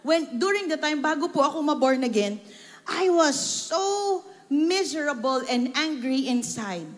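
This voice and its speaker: A woman's voice: high voice, animated, a little slow. A woman pastor preaching a sermon that mixes English and Filipino, with emphatic delivery and rhetorical questions to the congregation. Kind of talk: Taglish sermon. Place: large church hall. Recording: long hall reverb.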